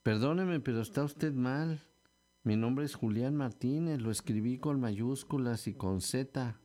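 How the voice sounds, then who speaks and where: A man's voice: mid-range voice, unhurried, mellow, close to an everyday voice. A man voicing a young male job applicant with a Mexican accent, protesting and pleading. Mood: indignant.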